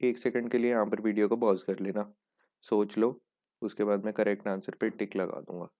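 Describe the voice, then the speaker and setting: A man teaching an exam prep lesson in casual Hindi-English, explaining patiently and reading English examples slowly. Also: lowish voice, level tone, a little mellow. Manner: explains patiently, repeats "ठीक है" often.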